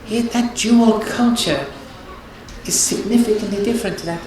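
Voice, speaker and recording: A woman's voice: mid-range voice, moderate pace. A woman giving an earnest religious lecture on marriage, counselling her listeners and often restarting her phrases. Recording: very echoey hall with noise.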